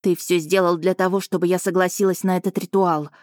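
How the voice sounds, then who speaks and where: Audiobook: woman reading a furious captive heroine, lowish voice. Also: level tone, brisk, darkish tone, dry recording, clean studio sound, lightly acted. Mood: defiant.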